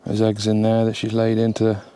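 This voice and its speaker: Out in a grassy apiary, a beekeeper in a bee suit narrates casually as he checks his hive, sniffly from hay fever. He has an English accent and a lowish voice, talking fairly quickly in a relaxed, chatty way and thinking aloud. A camera near the hive picks him up with slight background noise.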